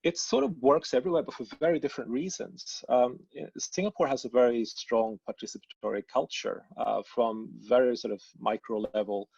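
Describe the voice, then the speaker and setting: A man's voice: medium pitch, fairly quick, creaky, hardly any pauses, darkish tone, husky, no echo. A man from Sweden answering questions on a webinar panel, hesitant, with many restarts. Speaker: panel speaker, design strategist. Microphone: video call. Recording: muffled video call audio.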